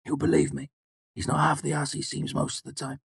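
A man voicing a nervous male mercenary archer in an audiobook, speaking high, strained and hushed. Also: completely flat delivery, a little fast, vocal fry, slightly rough, dry recording, clean studio sound, exaggerated voice. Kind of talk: audiobook character voice.

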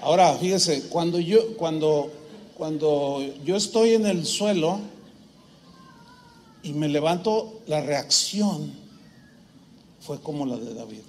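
A man with a Mexican accent, a pastor preaching a sermon in church, telling a personal story in an animated way with humorous asides. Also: a little high, takes it slowly, pauses often, slight background noise.

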